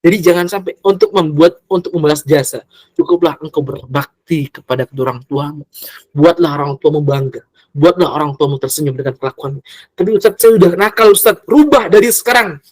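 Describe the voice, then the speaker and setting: A man from Indonesia giving a casual sermon as a preacher, answering questions and swinging between animated and hushed talk. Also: fairly high pitch, fairly quick, no room sound. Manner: shifts between lively and soft, hushed delivery. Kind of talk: casual sermon with acted quotes.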